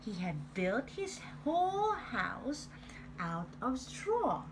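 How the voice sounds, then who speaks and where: A woman's voice: fairly high pitch, very animated, extremely slow, noisy background, heavily acted. A woman voicing a sly male wolf who tells his own side of a storybook tale in a playful, exaggerated way. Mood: self-justifying. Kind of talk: storybook reading.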